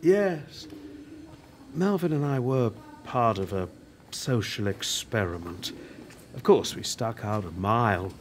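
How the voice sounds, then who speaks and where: This radio-play actor voices the same proud, prickly, dying TV writer from a working-class background, older and reflective, speaking with deliberate wryness. His mid-range male voice is animated here, the mood sardonic, and a slight hiss or hum sits under it.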